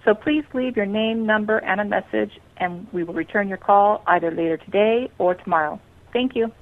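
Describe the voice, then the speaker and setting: A woman, a bed and breakfast owner, recording a polite, measured answering machine greeting heard over the phone. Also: mid-range voice. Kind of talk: scripted voicemail greeting. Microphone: telephone answering machine. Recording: tinny phone line.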